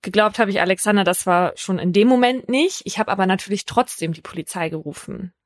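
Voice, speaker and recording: Calm woman narrating, dry close sound. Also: medium pitch, quick pace, dry recording. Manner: calm, matter-of-fact narration. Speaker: care worker in a youth facility. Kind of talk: first-person narrated account.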